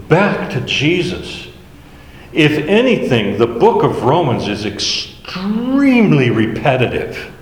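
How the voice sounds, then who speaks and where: A man's voice: on the high side, slight background noise. A man leading a Bible study, explaining verses one by one in a conversational way. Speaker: Bible teacher. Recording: echoey hall with faint ambience.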